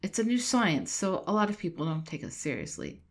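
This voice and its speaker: A woman's voice: lowish voice, big pitch swings, a little fast. A woman voicing an earnest male weather scientist who explains his work, in a read-aloud story. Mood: explaining.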